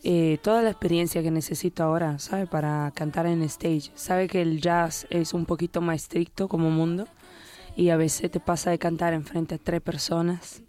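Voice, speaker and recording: A woman's voice: lowish voice, flat delivery, moderate pace, dark tone. A woman in her twenties from the Dominican Republic, raised in Italy, chatting casually as a singer in an interview, laughing often and sometimes searching for words. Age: 20s.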